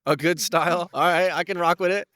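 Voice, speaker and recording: A man interviewing a skater in an excited, chatty way, full of slang. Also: high voice, brisk, no echo. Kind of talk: casual interview.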